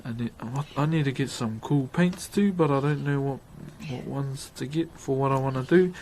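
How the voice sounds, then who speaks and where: While carving, a livestream host with a broad New Zealand accent keeps up laid-back, matey chat with viewers. He speaks at normal speed in a mid-range voice with a darkish tone, against clearly noisy ambience.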